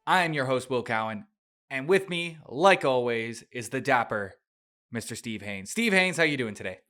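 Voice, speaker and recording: A young man hosting a relaxed book-discussion podcast, talking in a chatty, easygoing way at a middle pitch. He laughs a lot and keeps clearing a dry throat between his remarks. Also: normal speed. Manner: laughs often, chatty and loose, with filler words. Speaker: podcast host.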